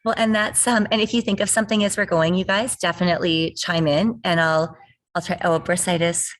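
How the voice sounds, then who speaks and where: A middle-aged woman with a low voice talks through injury rehab on a video call. She is earnest and circles back to repeat her main points. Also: steady tone, fairly quick. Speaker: fitness trainer. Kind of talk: explanatory interview talk.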